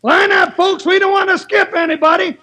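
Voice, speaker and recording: An actor playing a dim-witted cowboy sidekick in a 1930s radio comedy, with an excited hollering drawl. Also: male voice, very high voice, fairly quick, full character voice.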